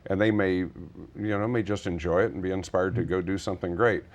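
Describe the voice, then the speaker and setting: This middle-aged Texan is a guest in an interview about the nonprofit he founded. Earnest and discursive, he explains conversationally in a low, brisk voice with a steady tone.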